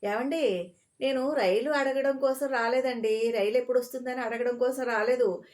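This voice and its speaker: A woman's voice: a little high, fairly even intonation, normal speed, a little mellow, close to an everyday voice. Woman playing a naive young guy in a comic storybook reading, earnest and fretful. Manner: earnest, pleading questions. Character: naive young man, anxious and fussy.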